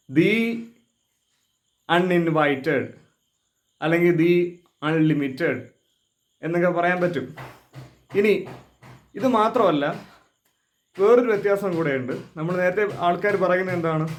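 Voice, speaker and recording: A man with a voice a little higher than most men gives an English lesson. He works through each rule step by step and asks questions as he goes. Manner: explains step by step with repeated questions. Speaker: English teacher. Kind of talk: explaining lesson.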